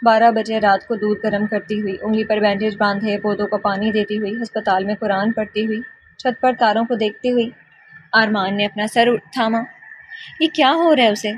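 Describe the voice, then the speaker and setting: A woman narrating a romance novel in a calm, measured way, with short phrases. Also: mid-range voice, a little hiss or hum, low-quality recording. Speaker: audiobook narrator. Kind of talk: novel reading.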